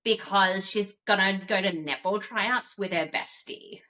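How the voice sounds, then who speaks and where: A woman's voice: medium pitch, a little slow. A woman co-hosting a casual chat podcast, telling stories and acting out what people say. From Australia. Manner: animated storyteller, acts out quotes. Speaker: podcast co-host.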